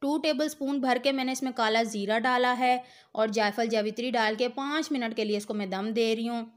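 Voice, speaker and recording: A woman's voice: fairly high pitch, steady tone, a little fast. Patient woman narrating a home recipe. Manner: patient, instructive, addresses viewer directly. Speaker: cooking channel host. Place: home kitchen.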